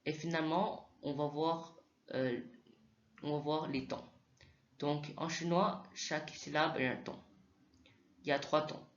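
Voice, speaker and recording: Guy teaching chinese sounds real slow, bit high voice, echoey room, kinda dull audio. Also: steady tone, a little hiss or hum. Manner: hesitant, restarts often, repeats sounds aloud for practice. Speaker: Mandarin teacher. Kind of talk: slow spoken lesson with repeated sound demos.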